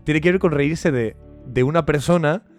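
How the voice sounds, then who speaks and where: A man's voice: on the high side, normal speed, soft background music. A man from Spain with a Spanish accent, co-hosting a podcast in easygoing chat with frequent laughs. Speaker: podcast co-host. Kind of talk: casual chat.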